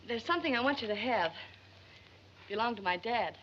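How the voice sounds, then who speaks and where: High-voiced 1940s screwball showwoman, noisy soundtrack. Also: animated, brisk, a bit bright, highs cut off. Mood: earnest, encouraging. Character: brisk, earnest woman running a travelling show. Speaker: film actor. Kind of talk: 1940s screwball comedy banter, film acting.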